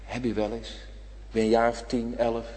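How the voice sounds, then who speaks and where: A man preaching a sermon with great passion, dropping to a hush and then rising to a shout. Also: mid-range voice, completely flat delivery, normal speed. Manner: impassioned preaching, swinging between hushed and shouted. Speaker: pastor. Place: church. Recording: church hall reverb.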